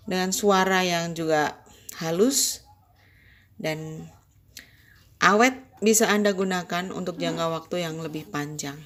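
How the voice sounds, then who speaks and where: Lady walking you thru machine care, lowish voice, slow and patient. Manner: slow, instructive, addresses viewer formally. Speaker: sewing tutorial host. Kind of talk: step-by-step tutorial narration.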